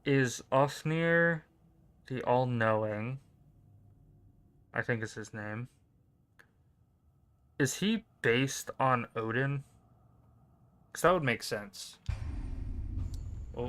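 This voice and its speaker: A man's voice: mid-range voice, animated, takes it slowly, creaky, long pauses, a bit bright. A man streaming a game, chatting casually and thinking aloud, swearing now and then. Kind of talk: casual gameplay commentary.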